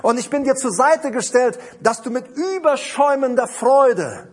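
A man voicing the Holy Spirit as a gentle, grieving spirit who pleads softly. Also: very high voice, lively intonation, moderate pace, husky, pitched above the performer's own voice, full character voice. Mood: sorrowful pleading.

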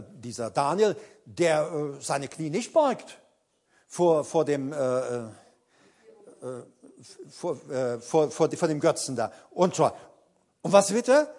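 A man's voice: a little high, expressive, takes it slowly, gravelly, long pauses, darkish tone. A man preaching a sermon, speaking dramatically and addressing his listeners directly, with fillers when he recalls details. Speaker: pastor.

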